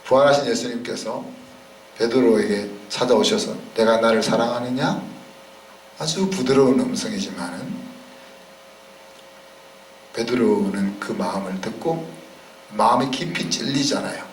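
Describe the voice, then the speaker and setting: A man's voice: lowish voice, normal speed, long pauses, a little hiss or hum. A man, a pastor, preaching a sermon in a conversational way, often checking in with the congregation. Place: church sanctuary. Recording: roomy church sound from a distance.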